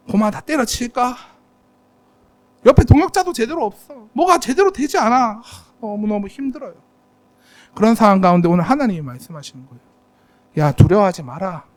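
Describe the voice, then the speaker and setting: A male pastor preaches a sermon, and his voice sits high and leaps around wildly in pitch. He swings between hushed, intimate asides and loud bursts, and keeps putting rhetorical questions to the congregation. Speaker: senior pastor.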